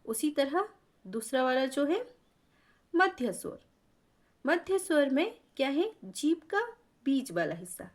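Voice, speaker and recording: A woman's voice: sits high, sing-song, slow pace, long pauses. A woman teaching a lesson on vowel pronunciation, patiently explaining and repeating vowel sounds for learners to copy. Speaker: Hindi grammar teacher.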